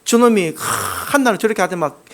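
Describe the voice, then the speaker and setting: A man with a Gyeongsang accent preaching a sermon as a church pastor, emphatic and folksy, telling stories and dropping suddenly into quiet asides. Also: high voice, very animated, fairly quick. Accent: Gyeongsang Korean.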